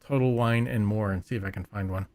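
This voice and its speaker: A man's voice: fairly low pitch, fairly even intonation, fast, a little mellow. A man talking as a panelist in a casual fan chat, rambling, restarting sentences, and joking as he goes.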